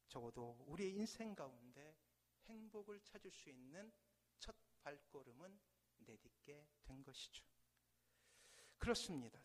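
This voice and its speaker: A middle-aged man, a pastor, preaching a sermon with dramatic swells and hushed drops in a church sanctuary. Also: a little high. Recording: church hall reverb.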